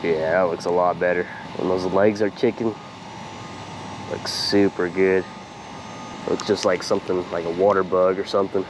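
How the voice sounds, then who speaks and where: A man with a slightly creaky voice chatting casually and in slang to viewers as he hosts a fishing vlog outdoors. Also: low-pitched, little pitch movement, moderate pace, pauses often, background noise. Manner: laid-back, slangy, talking to viewers. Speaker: fishing vlogger and host. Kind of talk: casual chat while fishing. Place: outdoors by a small pond.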